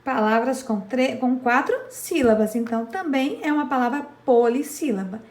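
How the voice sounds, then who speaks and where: A woman teacher explaining a grammar lesson to children, slow and patient, drawing out syllables and often checking that they follow. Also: high voice, roomy sound.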